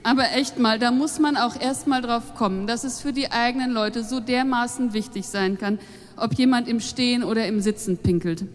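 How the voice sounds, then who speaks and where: A woman's voice: fairly high pitch, moderate pace, voice pushed up, lightly acted. A woman voicing an easygoing, grumbling, beer-drinking God in offhand colloquial speech, in a long hall reverb.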